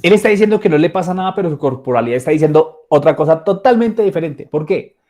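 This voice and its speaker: A man giving a soft skills training talk, conversational and acting out short dialogues. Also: on the high side, lively intonation, quick pace. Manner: conversational, acts out little dialogues with repeated fillers. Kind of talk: training lecture.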